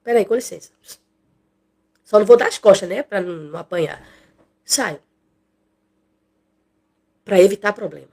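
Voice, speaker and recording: A woman's voice: medium pitch, normal speed, pauses often, darkish tone, slightly rough. A woman teaching an expository Bible study in a conversational way, repeating phrases and acting out what people say.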